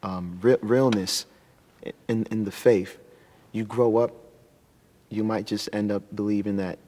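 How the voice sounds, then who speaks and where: A man's voice: on the low side, fairly even intonation, measured pace, mellow. A man in a focus group speaking thoughtfully, with some hesitation. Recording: hall reverb.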